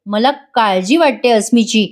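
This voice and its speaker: A shameless young son-in-law whines and begs in a high, pleading voice, as a woman puts him on. His tone stays wheedling in a retold serial scene. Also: measured pace, lightly acted. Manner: whiny, pleading.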